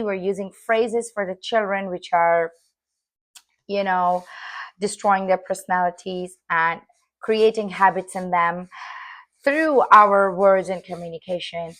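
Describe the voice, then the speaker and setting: A woman at a middle pitch gives an informal lecture on parenting. She speaks earnestly and with emphasis, and her voice rises when she acts out the phrases parents use. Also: fairly bright tone, no room sound. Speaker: early childhood educator.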